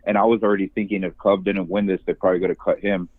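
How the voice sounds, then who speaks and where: A man's voice: low-pitched, flat delivery, very fast, no room sound. A man calling a talk show by phone, giving his opinions in a casual, rambling way. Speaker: caller to an MMA talk show. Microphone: phone line. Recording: narrow phone-like call.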